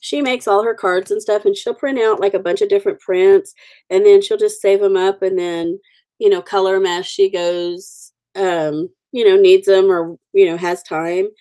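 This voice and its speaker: A sniffly livestream host from Oklahoma colors stamped cards and makes casual conversation, calling out viewers by name. Her mid-range voice is mellow and steady in tone, and she talks at a normal speed.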